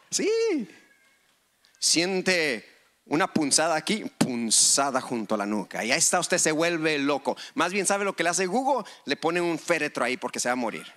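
A male preacher delivers an animated sermon in a church, quizzing his congregation and playing out little scenes. His voice sits high and sounds bright, with wide swings in pitch. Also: moderate pace. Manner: animated, asks the crowd, acts out quotes. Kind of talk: lively sermon with audience questions.

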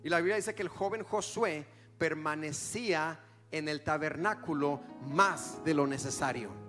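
A man preaching a revival sermon as pastor, who drops to quiet murmurs and then rises into impassioned shouting. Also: a little high, unhurried, soft background music. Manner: acts out church members' excuses in a hushed voice.

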